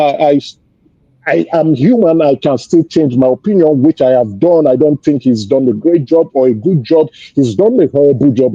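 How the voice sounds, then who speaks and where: A Nigerian man speaking as a panelist in a political debate, self-assured but often pausing and repeating his words. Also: mid-range voice, dark tone. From Lagos, Nigeria. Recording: muffled, echoey online audio.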